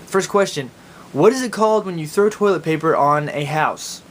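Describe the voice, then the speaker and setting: A man with an Oklahoma accent chatting casually and informally as a video blogger. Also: normal speed. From Oklahoma, United States. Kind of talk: casual chat to camera, answering accent tag questions. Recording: steady background noise with low rumble.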